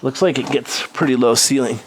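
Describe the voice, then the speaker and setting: A man's voice: mid-range voice, moderate pace. Man filming a cave vlog, noisy audio. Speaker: cave explorer filming his trip. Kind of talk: casual vlog narration. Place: inside a cave, lava tube. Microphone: action camera mic.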